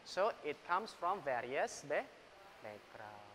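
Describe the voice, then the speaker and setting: Young man, Indonesian accent, English teacher, coaxing questions, fairly high voice, noisy classroom recording. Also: sing-song, takes it slowly, fairly bright tone. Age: young adult.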